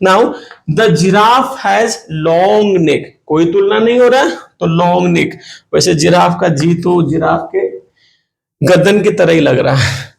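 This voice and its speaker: A man with an Indian English accent explains grammar rules one at a time, repeating each word form with care. His voice sits high and has a gravelly edge. He speaks at an unhurried pace. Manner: explains step by step, repeating word forms slowly. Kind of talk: classroom grammar lesson mixing Hindi and English.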